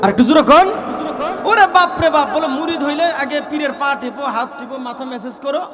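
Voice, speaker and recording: Very high-voiced shouting Bangladeshi preacher. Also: male voice, echoey room, long reverb tail, over music. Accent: Gaibandha region Bengali. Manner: shouting, calls crowd to repeat, sings verses in slow melody. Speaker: Islamic preacher. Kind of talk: waz sermon with chanted verses.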